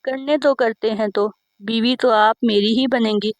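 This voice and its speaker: A woman voicing a possessive young man who speaks forcefully and demands his way. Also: fairly high pitch, fairly even intonation, unhurried, dry recording, lightly acted.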